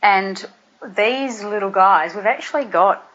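A middle-aged woman appears as a guest nutrition expert, chatting casually and practically about food and gut health with everyday examples. She has a mid-range, fairly bright voice at a measured pace, recorded in dull lo-fi audio.

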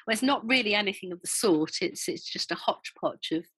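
A woman's voice: mid-range voice, expressive, brisk, fairly bright tone, husky, no echo, rough recording. An older woman, a former band member, talking casually in an interview, rambling with many fillers and restarts.

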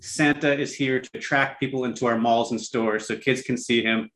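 Casual, wry man explaining things, mid-pitched. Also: fairly even intonation, normal speed, a bit bright. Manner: conversational, wry, irreverent. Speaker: co-host.

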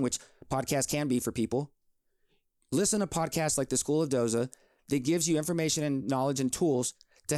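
A man's voice: medium pitch, a little mellow, dry recording, clean studio sound. A man in his forties hosting a solo health podcast, talking in an upbeat, emphatic, motivational way. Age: 40s. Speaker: podcast host.

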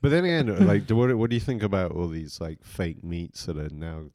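Man co-hosting a podcast, very deep voice, hesitant, restarts a lot, dry close sound. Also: brisk, dark tone, dry recording. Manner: hesitant, restarts while reasoning. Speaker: podcast co-host. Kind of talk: casual chat.

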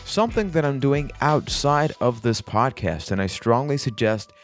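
A man's voice: mid-range voice, animated, normal speed, faint music behind. A man hosting a solo podcast, talking earnestly and motivationally straight to his listeners. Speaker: podcast host. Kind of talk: reflective solo podcast talk.

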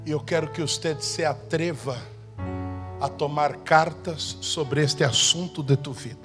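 A male preacher with a high-pitched voice delivers a lively sermon, telling personal stories that swing from quiet asides to shouted exclamations. Soft instrumental music plays faintly behind him. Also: slow pace. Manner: animated storytelling with shouted exclamations.

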